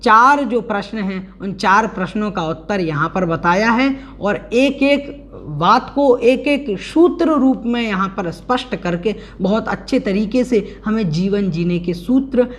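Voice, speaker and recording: A man's voice: sits high, slight background noise. A man teaching a religious scripture class online, explaining verse by verse, chanting the lines and carefully correcting their pronunciation. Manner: deliberate, spells out pronunciation and chants verses slowly.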